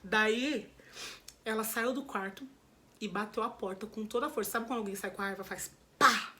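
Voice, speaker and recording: A woman's voice: medium pitch, normal speed, fairly bright tone. A woman with a Brazilian Portuguese accent, telling her viewers a personal story in a candid, emotional vlog. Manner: emotional, candid, repeats herself and addresses viewers as "gente". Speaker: vlogger.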